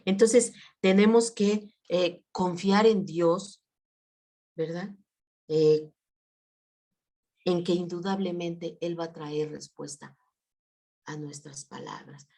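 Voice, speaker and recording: A woman's voice: lowish voice, slow pace, long pauses, dark tone. A middle-aged woman preaching a sermon in a conversational way, often asking for agreement and repeating words as she acts out sample prayers.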